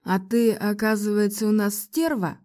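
A woman voicing a young man who speaks in a calm, cold, clipped way, read for an audiobook. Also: medium pitch, normal speed, lightly acted. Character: young man, cold, controlled, then guilty lover. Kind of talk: audiobook reading.

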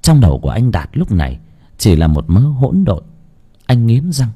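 A man's voice: medium pitch, sing-song, moderate pace, mellow, slightly rough, muffled recording. A man narrating a folk tale audiobook expressively. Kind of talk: storytelling narration.

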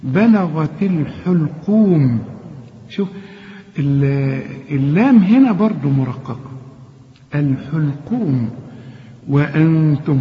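A man with an Egyptian accent teaching Quran recitation one-on-one. He corrects his student, chides him mildly, and recites words slowly as models. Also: sits high. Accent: Egyptian Arabic. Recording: dull lo-fi recording with long reverb.

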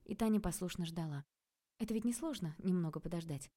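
A woman reading a novel aloud as narrator in a calm, measured way. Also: fairly low pitch. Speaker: audiobook narrator. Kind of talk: scripted narration.

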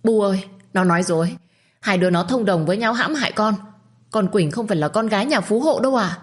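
A woman voicing a spiteful, scheming young wife who accuses loudly and shrilly. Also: fairly low pitch, expressive, brisk, breathy edge. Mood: panicked.

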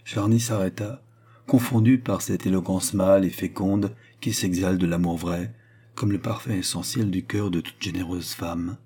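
A man narrating a classic novel as an audiobook, with a measured, expressive reading. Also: low-pitched, husky. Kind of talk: literary narration.

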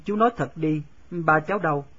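A man's voice: fairly high pitch, brisk, fairly bright tone, husky, highs cut off. A man reading the part of a stubborn little schoolgirl who keeps pressing with questions. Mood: pleading. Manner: insistent, sulky questioning. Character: stubborn pleading little girl, fifth grader.

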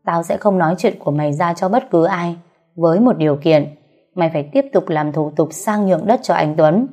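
A woman's voice: on the low side, a little fast, dark tone, faint music behind, lightly acted. A woman voicing a smug, scheming young woman who taunts her rival in a sly, mocking tone, read from a story.

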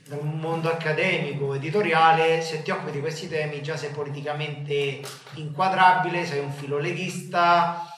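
A man's voice: on the high side, fairly even intonation, normal speed, a bit bright. An Italian man hosting a conference delivers an academic introduction, hesitantly repeating and reformulating as he goes. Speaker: conference host, journal editor. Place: indoor conference room. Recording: very echoey room, faint noise.

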